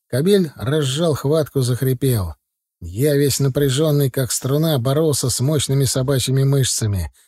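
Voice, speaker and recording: A man reading a first-person audiobook in a steady, even manner. His voice sits at a medium pitch and is recorded close and dry, with no room sound. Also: no room sound. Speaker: audiobook narrator.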